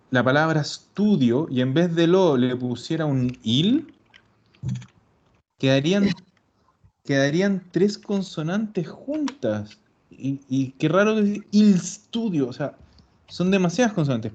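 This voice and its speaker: A man teaching an online language class, explaining patiently and slowing down to repeat example words. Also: on the high side, darkish tone. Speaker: Italian teacher. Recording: dull lo-fi recording.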